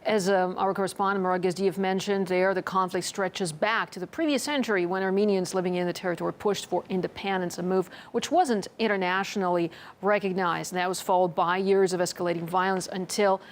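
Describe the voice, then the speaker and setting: A woman's voice: lowish voice, fairly even intonation, brisk, few pauses, a little hiss or hum. A woman presenting scripted television news as an anchor. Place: TV studio.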